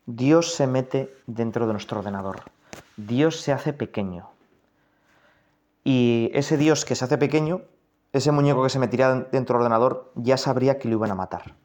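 A man's voice: mid-range voice, moderate pace, darkish tone. Reflective Spanish man leading prayer. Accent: Spain Spanish. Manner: reflective, addresses listener directly. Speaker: prayer leader. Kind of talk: guided prayer meditation.

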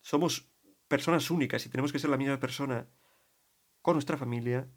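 Chatty Spanish priest, mid-pitched. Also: male voice, fairly quick. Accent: Spain Spanish. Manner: conversational, digressive, self-correcting. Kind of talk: spoken meditation.

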